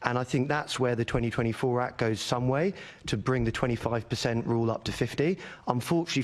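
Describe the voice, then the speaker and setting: A man testifying before a committee as a leaseholder campaigner. He argues his points earnestly, in a mid-range voice, and often repeats a word to hammer it home. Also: mid-range voice. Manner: earnest, argumentative, repeats words for emphasis. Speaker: leaseholder campaigner giving evidence.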